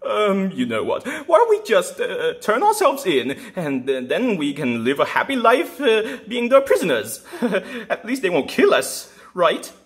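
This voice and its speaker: A man's voice: high-pitched, wildly swooping pitch, measured pace, full character voice. A man doing a giggly, cowardly donkey. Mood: sheepish. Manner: giggly, hesitant with many uhs. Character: goofy cowardly male donkey.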